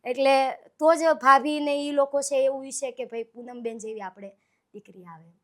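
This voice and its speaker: A woman, talking as a guest singer in a relaxed interview. Her voice sits high, and her manner is sincere and heartfelt as she tells her stories. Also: normal speed. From Gujarat, Saurashtra. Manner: earnest, heartfelt, storytelling. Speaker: guest, devotional folk singer. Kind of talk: casual interview conversation.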